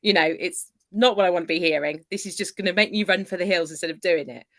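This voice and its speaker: A coach who belongs to a book club shares her experience on a casual group video call, earnest but hesitant, with fillers and restarts. Her voice is on the low side, fast, and a bit bright.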